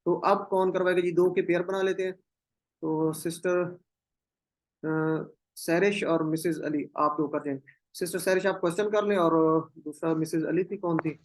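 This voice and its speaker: A man's voice: sits high, steady tone. A man teaching an online class, patiently drilling Arabic verb forms and calling on students over a video call.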